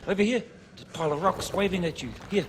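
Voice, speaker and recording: Actor voicing a mild, joking rock creature, easygoing and self-deprecating; noisy film clip. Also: male voice, high-pitched, fast, natural voice. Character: friendly talking male creature made of rocks. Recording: clip with loud background noise.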